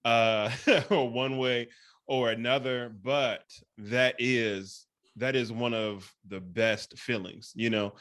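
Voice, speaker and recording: A man's voice: medium pitch, steady tone, slow, a bit bright, no echo. A man hosting a casual podcast interview, affirming the guest with frequent "right" and "I gotcha" and asking loose, rambling questions. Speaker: podcast host.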